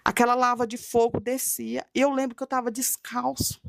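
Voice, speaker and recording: A woman's voice: on the high side, level tone, normal speed, creaky, no echo, clean studio sound. A woman tells a dramatic religious testimony, acting out her own cries for mercy as she goes. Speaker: guest telling a testimony.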